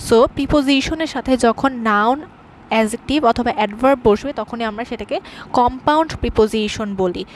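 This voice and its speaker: Woman grammar teacher, slightly high voice, patient and repetitive, faint hum behind. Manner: patient, repeats key terms with many fillers. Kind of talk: explaining grammar to students.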